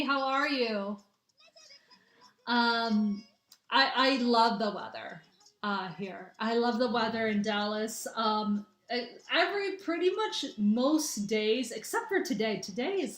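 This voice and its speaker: A young woman from the American Midwest hosts a casual livestream of spiritual readings, her voice on the high side and a bit bright. She chats with viewers in a rambling way, restarting often. It's captured on a phone or webcam in an echoey room.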